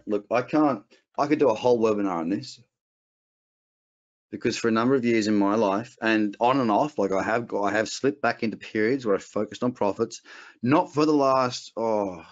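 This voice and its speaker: A man's voice: lowish voice, moderate pace. A man with an Australian accent teaching a casual trading webinar, blunt and rambling, with frequent restarts. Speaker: trading educator. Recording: dull lo-fi webinar audio.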